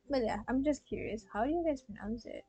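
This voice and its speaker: A young adult woman from Malaysia chats casually while live-streaming a game, with soft game music playing behind her. Her voice is high and slightly rough, at a moderate pace, with no echo.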